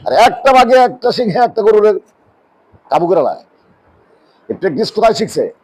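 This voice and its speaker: A man preaching a sermon in a mosque. He asks rhetorical questions and answers them himself, and drops his voice low on key words. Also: big pitch swings, moderate pace, darkish tone, poor audio. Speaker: Islamic preacher.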